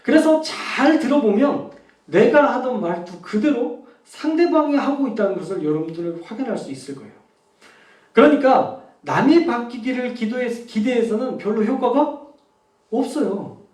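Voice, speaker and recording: A man preaching a sermon as a pastor, talking in an animated way and acting out different tones of voice. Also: very high voice, normal speed, roomy sound, distant mic. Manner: animated preaching with spoken demonstrations of tone.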